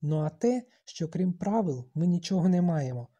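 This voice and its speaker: An audiobook narrator voicing an earnest, insistent boy leading a group, in a dark husky voice. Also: medium pitch, lively intonation, normal speed, highs cut off, close to an everyday voice. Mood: angry.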